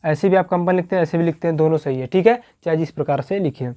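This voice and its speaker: A man's voice: a little high, quick pace, warm tone. A male teacher explaining a grammar lesson at a board. He keeps checking in with "theek hai", asks the class questions, answers them himself and repeats each point.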